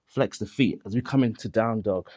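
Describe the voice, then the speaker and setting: A man leading a mat Pilates workout, calmly cueing each movement and counting the reps, somewhat out of breath. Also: on the low side, normal speed. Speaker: Pilates instructor. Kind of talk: guided workout instruction.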